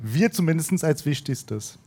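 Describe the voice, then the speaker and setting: A man's voice: on the high side, lively intonation, unhurried, darkish tone. A man in the audience speaking into a handheld microphone, plain and matter-of-fact. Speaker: audience member. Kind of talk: question from the floor.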